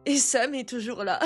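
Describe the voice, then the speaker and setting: Une jeune femme qui réagit à des vidéos, commentant avec indignation et beaucoup d'argot. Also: female voice, on the high side. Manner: animated, outraged, slangy. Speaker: reaction video host. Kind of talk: casual reaction commentary.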